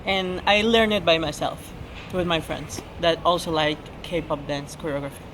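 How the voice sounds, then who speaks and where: The channel host, a woman of eighteen, keeps a steady, low-pitched tone at a moderate pace during her casual Q&A. She's chatty, giggles a lot, and uses loose English grammar, all over noisy background hiss.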